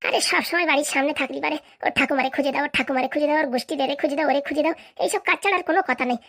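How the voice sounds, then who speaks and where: Her voice sits high, racing along with a bit of brightness. She plays a bossy, scheming village housewife in a comic cartoon, scolding brashly in rustic speech.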